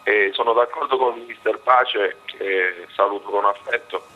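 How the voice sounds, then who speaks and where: A man calling a football phone-in with his voice giving out, hoarse, halting and repeating himself as he gives his opinions. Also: on the low side, slight background noise. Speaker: phone-in caller, football fan. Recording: muffled, band-limited phone line.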